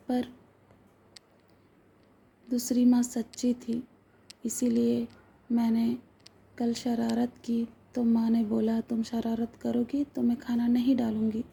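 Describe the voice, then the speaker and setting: A woman's voice: fairly high pitch, gravelly, warm tone, husky, heavily acted. A woman voicing an earnest, hungry eight-year-old boy who pleads as he explains himself to his father in a told story.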